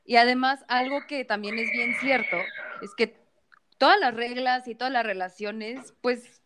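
A woman with a Mexican Spanish accent, co-hosting a casual podcast chat, slangy and quick to laugh as she tells stories. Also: on the high side, steady tone, very noisy. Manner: slangy, laughing storyteller, fills with "o sea". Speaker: podcast co-host.

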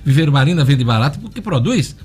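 A man's voice: on the high side, big pitch swings, quick pace, darkish tone, breathy edge. A man with a Northeastern Brazilian accent, a radio host reading a hard-sell ad with emphatic repetition of the offers. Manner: emphatic, repeats key offers.

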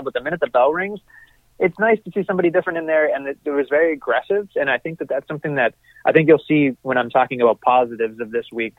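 Male podcast co-host, rapid casual chat, dry phone-like recording. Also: medium pitch, dry recording. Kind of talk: casual wrestling fan banter. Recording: tinny phone-like remote line, dry.

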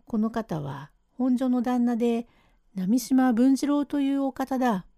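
A woman voicing a blunt, rough-spoken working man in a rakugo storytelling reading. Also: on the high side, animated, measured pace, no room sound, studio quality. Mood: impatient. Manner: blunt, gruff, shouting explanations.

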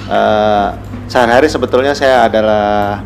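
The speaker is a writer with a Gorontalo Indonesian accent, chatting as a guest in a relaxed podcast interview and reflecting while he searches for words. His lower voice keeps a moderate pace. Faint music sits behind him, along with noticeable room noise and ambience.

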